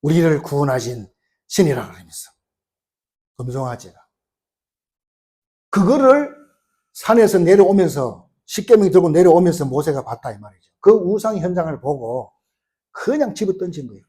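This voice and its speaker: A man's voice: high-pitched, big pitch swings, moderate pace, pauses often, dark tone. A male pastor preaching a sermon, emphatic and colloquial, who keeps asking rhetorical questions and retelling scenes in plain everyday speech.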